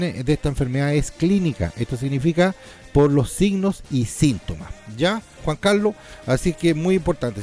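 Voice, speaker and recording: A man's voice: fairly high pitch, a little mellow. A man presenting a natural health sales programme informally, explaining didactically and often checking in with short tag questions. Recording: faint music behind the voice.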